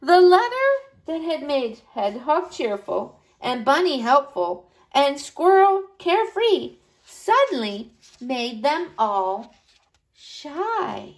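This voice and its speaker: A woman reads a children's story in a high voice with big swoops of pitch. She takes her time and addresses her young listeners directly in an animated way. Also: slow pace, low-quality recording. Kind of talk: expressive picture-book read-aloud.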